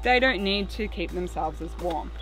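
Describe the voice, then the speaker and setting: Lively Australian woman, friendly zookeeper presenter. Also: fairly low pitch, normal speed, faint music behind. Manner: friendly zookeeper presenter explaining simply, chuckles often. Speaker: zookeeper, dingo keeper presenting. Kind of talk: educational keeper talk to camera.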